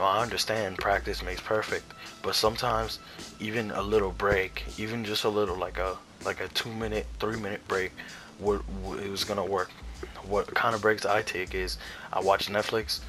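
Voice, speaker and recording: A man's voice: low-pitched, sharp tone, rough recording. Rambling, profane young male gamer. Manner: rambling, profane, frequent restarts. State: cold and shivering. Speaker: competitive gamer giving tips. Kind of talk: casual gameplay commentary. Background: faint music.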